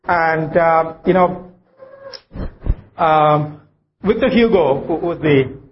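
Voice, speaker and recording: Delivering a sermon at a church service, a male guest preacher speaks South Indian English in a slightly high voice. His delivery is halting, with phrases repeated for emphasis, captured in a dull, muffled live recording with some noise.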